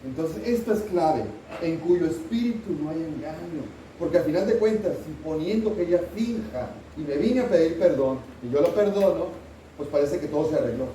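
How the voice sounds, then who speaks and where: A man's voice: a little high, lively intonation, moderate pace, mellow, reverberant, distant mic, a little hiss or hum, poor audio. A middle-aged man, preaching a sermon as pastor and asking the congregation questions. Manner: earnest, asks the congregation questions. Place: church sanctuary.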